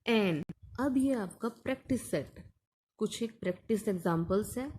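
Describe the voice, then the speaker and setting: A woman's voice: medium pitch, dark tone. A woman teacher explaining an English grammar lesson patiently, asking questions and answering them herself.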